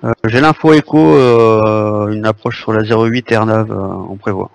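A man's voice: lowish voice, fairly even intonation, normal speed, vocal fry, no room sound. A man speaking as a pilot over a headset radio, giving formal procedural readbacks to air traffic control. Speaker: airline pilot in online flight simulation.

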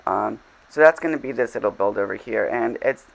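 A man with a gravelly, fry-laden voice at an ordinary middle pitch talks loosely through his gameplay. He rambles and fills gaps with filler words, often poking fun at himself. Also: brisk, low-quality recording. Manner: rambling, filler-heavy, self-deprecating. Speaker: game vlogger. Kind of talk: casual gameplay commentary.

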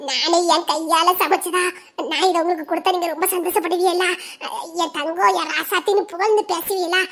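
A woman's voice: extremely high pitch, steady tone, a little fast. A woman voicing a lovestruck young village woman who chatters and giggles while teasing her sweetheart. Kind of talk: village romance drama acting.

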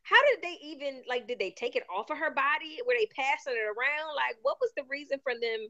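Baltimore lady on a podcast, kinda high voice, dull lo-fi sound, gets real worked up. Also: a little fast. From Baltimore, USA. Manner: animated, exclaims and voices her own reactions. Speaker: podcast co-host. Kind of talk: casual chat.

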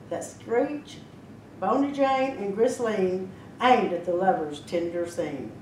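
Librarian reading a children's storybook aloud, slow and expressive, distant echoey library sound. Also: female voice. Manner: lively, expressive reading with slips and restarts. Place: library room. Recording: roomy echo, mic at a distance, faint rumble.

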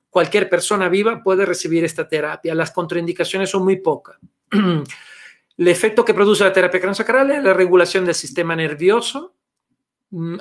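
A middle-aged man from Italy, teaching a webinar on manual therapy through a webcam in a small room, explaining patiently with frequent "eh" and "okay" tags. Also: high-pitched. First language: Italian. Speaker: therapy instructor. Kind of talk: webinar lecture. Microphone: webcam video call.

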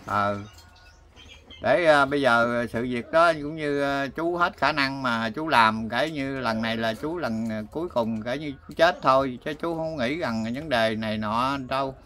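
Older man, halting and earnest. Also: medium pitch, sharp tone. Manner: halting, earnest, many fillers. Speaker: interviewee. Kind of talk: casual conversation.

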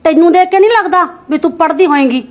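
A woman's voice: extremely high pitch, very fast. A woman playing a married sister-in-law who scolds the spoiled daughter and argues about money. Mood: scolding. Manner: nagging, sarcastic. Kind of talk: Punjabi short-film acting.

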